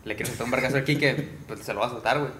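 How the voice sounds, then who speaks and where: A man's voice: mid-range voice, very fast, a bit bright, a little hiss or hum. A man with a Mexican Spanish accent in casual chat, stumbling and repeating words while he thinks. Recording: echoey room.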